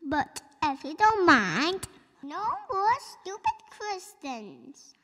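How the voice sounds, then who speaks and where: A man's voice: very high voice, very animated, slow, sharp tone, in a large hall, a little hiss or hum, pitched above the performer's own voice, heavily acted. A man voicing a cheeky, blunt baby dragon in a storybook.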